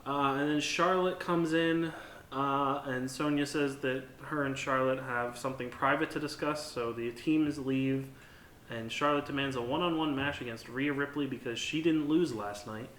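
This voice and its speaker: A man's voice: mid-range voice, steady tone, normal speed, a bit bright. A man co-hosting a casual wrestling review podcast, recapping events hesitantly with many fillers. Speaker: podcast co-host. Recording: echoey room with faint noise.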